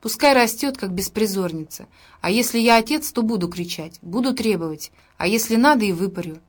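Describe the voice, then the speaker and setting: A man's voice: sits high, animated, a little fast. A woman voicing a tired, short-tempered young husband who scolds angrily in a raised voice. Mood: angry. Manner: angry, scolding.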